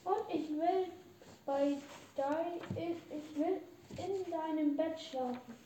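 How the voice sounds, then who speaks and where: A woman's voice: high-pitched, slow pace, mellow. A woman voicing a clingy, pleading male frog in a fairy-tale radio play. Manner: pleading, insistent. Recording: echoey room, faint background noise.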